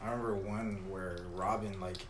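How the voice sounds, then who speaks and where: A man's voice: sits low, steady tone, normal speed. A man co-hosting a podcast in casual chat, rambling and swearing in easygoing slang. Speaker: podcast co-host. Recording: echoey room with clear background noise.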